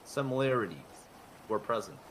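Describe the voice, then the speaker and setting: A man's voice: medium pitch, lively intonation, moderate pace, a bit bright, a little hiss or hum, natural voice, rough recording. A man in an improvised game role-play, playing a man who talks like a stiff robot in formal, mechanical phrases. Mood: stiff robotic.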